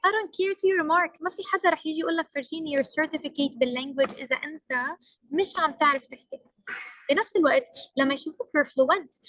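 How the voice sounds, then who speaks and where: A woman's voice: high voice, a bit bright, dry recording, poor audio. A young woman with a Levantine Arabic accent, giving a workshop lecture as a trainer and mixing English phrases into her Arabic with emphatic stresses.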